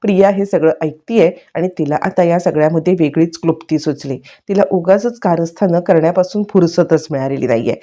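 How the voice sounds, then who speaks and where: Woman chatting through a tv serial recap, low mellow voice, dull lo-fi audio. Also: a little fast, hardly any pauses. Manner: chatty storytelling with fillers. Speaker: narrator. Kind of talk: casual retelling of a TV serial episode. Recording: dull lo-fi recording.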